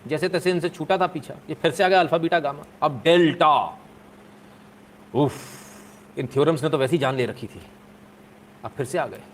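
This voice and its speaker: A man's voice: a little high, normal speed, long pauses, slight background noise. A man hosting a live stream, chatting casually with viewers in a joking, sarcastic way.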